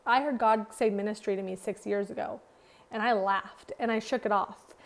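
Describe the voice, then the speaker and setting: A woman leading a Bible study, teaching earnestly, asking her listeners questions and stacking repeated phrases for emphasis. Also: mid-range voice. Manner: speaks directly to listeners with rhetorical questions. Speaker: Bible study leader and ministry founder.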